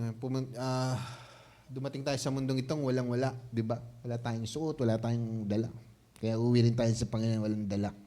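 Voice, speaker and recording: A man's voice: mid-range voice, darkish tone. A man preaching a conversational sermon as pastor, playful and laughing often, often checking in with the congregation and mixing Tagalog with English.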